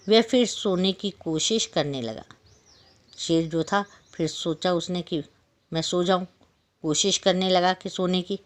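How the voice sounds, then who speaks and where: A woman teacher with a fairly low voice, reading a story to young pupils and then retelling each line in her own words. She keeps stopping to explain words and to ask the class questions. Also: a little slow. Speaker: school teacher. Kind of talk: storytelling lesson for young children.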